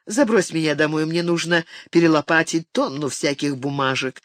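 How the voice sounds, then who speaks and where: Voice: medium pitch, fairly even intonation, normal speed, no room sound, clean studio sound, close to an everyday voice. An audiobook reader voicing a confident, spirited woman in playful banter. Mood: brisk.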